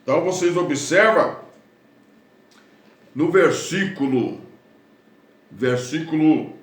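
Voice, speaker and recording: Preacher, slow deliberate delivery, slightly high voice, echoey room. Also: male voice. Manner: slow, emphatic preaching with frequent "louvado seja Deus". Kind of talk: sermon with Bible reading.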